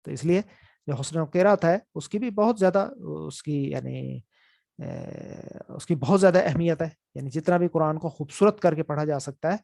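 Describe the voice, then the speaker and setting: A man's voice: a little high, vocal fry, a little mellow, no echo, clean studio sound. A man teaching a class on Quran recitation rules, explaining step by step and often repeating key points. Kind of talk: online class lecture.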